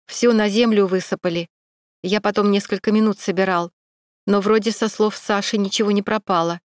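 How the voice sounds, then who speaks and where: Steady, reassuring young man at work, voiced by a woman reader. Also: medium pitch, moderate pace, no echo, clean studio sound, close to an everyday voice. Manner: steady and soothing. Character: calm, reassuring male camera operator.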